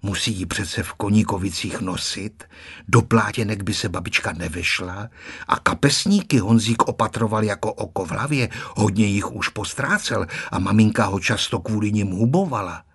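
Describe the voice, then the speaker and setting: A man narrating a children's story in an expressive storytelling manner. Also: on the low side, slightly rough, no room sound, studio quality. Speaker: audiobook narrator.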